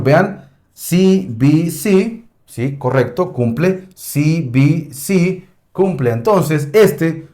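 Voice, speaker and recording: Slow, lively male teacher explaining grammar. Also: a little high. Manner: explains step by step, often checks with "¿ok?". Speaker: English teacher. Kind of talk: classroom lesson explaining grammar.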